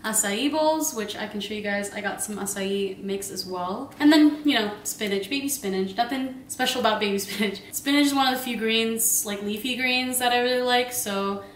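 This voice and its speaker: A fairly high-pitched young woman in her twenties rambles through a grocery haul in her home kitchen at a moderate pace, hardly pausing, bubbly and giggly with lots of fillers. She's a vlogger filmed by a camera a few meters away, and the audio is roomy with a little hiss or hum.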